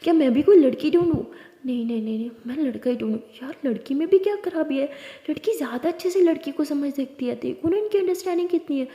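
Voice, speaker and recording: A bubbly, scatterbrained young college woman chatters excitably, as a woman storyteller puts her on. Her voice is high and warm. An echoey room adds a long reverb. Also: normal speed, close to an everyday voice. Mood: excited.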